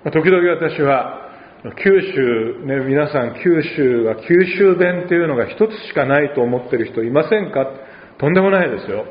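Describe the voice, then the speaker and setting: Pastor with an Oita lilt, echoey hall. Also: male voice, a little high, lively intonation, normal speed, muffled recording. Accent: Oita Japanese. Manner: conversational, with dialect asides and gentle humor. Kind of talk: sermon.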